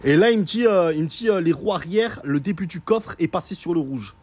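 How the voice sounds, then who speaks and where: A young man telling a story in a casual, sarcastic rant, mocking and animated as he recounts events. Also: on the high side, brisk, slightly rough.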